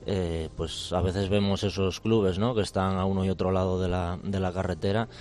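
Flat, low-voiced police commander man. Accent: Spain Spanish. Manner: measured, formal, hesitant with many fillers and restarts. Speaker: police commander, interview guest. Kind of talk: interview answers.

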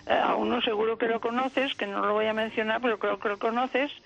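An elderly woman from Aragon speaks over a muffled telephone line, her voice gravelly and worn. She tells her story with tearful, animated emotion as a radio caller. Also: fairly high pitch, brisk. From Aragon, Spain. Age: 80s. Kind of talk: emotional phone-in account.

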